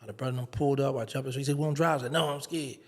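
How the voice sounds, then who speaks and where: His mid-range voice races along as the man, a guest in an interview, recounts a casual story. He animates it by acting out the characters' lines.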